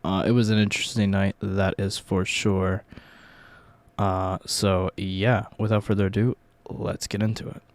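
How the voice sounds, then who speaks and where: Low-voiced hungover young American storyteller guy. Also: level tone, measured pace, slight background noise. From Virginia, United States. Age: young adult. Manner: rambling, profanity-laden, informal. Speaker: YouTube host telling life stories. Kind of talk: casual storytelling vlog.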